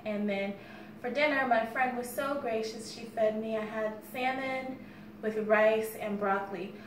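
An American woman in her thirties chats casually to her phone camera. Her voice sits a little high, and the bare room adds plenty of echo with faint noise behind her. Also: steady tone, unhurried. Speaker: fitness vlogger. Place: bare-walled room indoors. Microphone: phone camera a few steps away.

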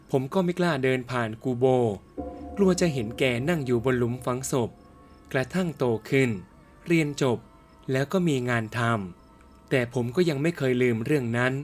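A man narrates a ghost story in the first person, with a mid-range voice that is neither high nor low. His delivery is steady and even. Soft music and crickets sit quietly behind him.

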